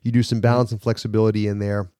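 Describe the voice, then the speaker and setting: A man's voice: lowish voice, flat delivery, racing, warm tone, clean tone, no room sound, studio quality. A man with a New York accent co-hosting a podcast, rambling and restarting as he talks. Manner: rambling, with many fillers and restarts. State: recovering from a cough. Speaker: podcast co-host. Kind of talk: casual podcast chat.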